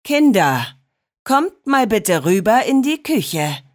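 A woman's voice: lowish voice, animated, slow, fairly bright tone, exaggerated voice. A woman voicing a stern, exasperated father who speaks firmly in a storybook reading.

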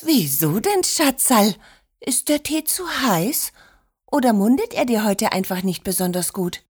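A woman's voice: mid-range voice, very animated, slow, husky, full character voice. A woman voicing a cheeky grandmother who scolds and plays pranks, switching to a sugary-sweet tone. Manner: mock-stern, then sugary sweet.

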